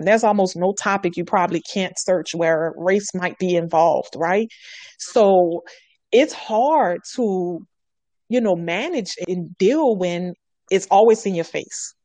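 A woman's voice: fairly low pitch, a little slow, a little mellow, no room sound. A woman on a podcast talking earnestly, repeating her points for emphasis. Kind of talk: casual podcast conversation.

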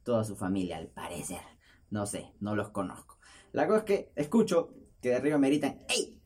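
A young man rambles through stories, mocking himself as he goes, his voice mellow and a little husky and swinging up and down a lot. He talks close to a camera in his bedroom. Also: lowish voice, a little fast. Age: young adult. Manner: jokey, self-mocking, lively storytelling with laughs. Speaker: podcast host. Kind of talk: casual rambling monologue. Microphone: camera's built-in mic, close up.

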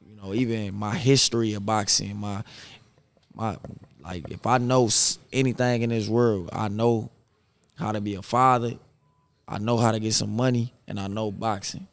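Low-voiced and creaky, a man in his 30s talks at normal speed as a guest on a podcast. He's a boxer, and he comes across as reserved and level, speaking casually in slang.

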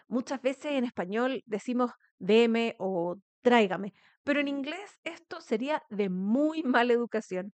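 A woman, a native Spanish speaker, hosting a pronunciation lesson podcast and leading slow repetition drills. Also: high-pitched, no echo. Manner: slow, clear, instructive, leads repetition drills. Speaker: English teacher, podcast host.

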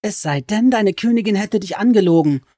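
A woman voicing a defiant young heroine who answers a goblin with sharp, scornful retorts. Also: mid-range voice, animated, fairly quick, no room sound, clean studio sound, voice pushed up, close to an everyday voice.

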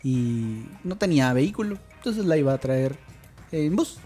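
A man's voice: medium pitch, normal speed, slightly rough, soft background music. Young man telling a story. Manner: animated, laughing storyteller. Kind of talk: casual storytelling chat.

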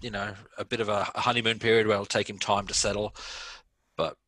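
A man's voice: fairly low pitch, flat delivery, a little fast, bright, forceful tone, no room sound. A man co-hosting a casual football podcast, upbeat and enthusiastic, talking sport and betting tips. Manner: upbeat, enthusiastic, says "mate". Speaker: podcast co-host.

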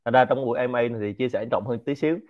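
A man from central Vietnam with a Quảng Nam accent, giving an informal business lecture in an animated, rhetorical way and often asking the audience to agree. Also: medium pitch, rapid-fire, dull audio. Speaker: lecturer and host of a Q&A show.

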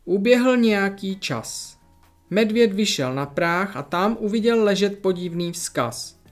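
A storyteller narrating a children's story in a lively, expressive way. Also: mid-range voice, faint music behind.

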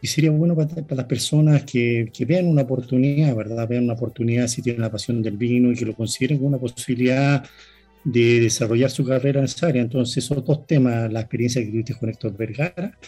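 Male co-host, quick talker, deep mellow tone, courteous and long-winded. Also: fairly even intonation, husky, soft background music. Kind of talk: casual interview talk.

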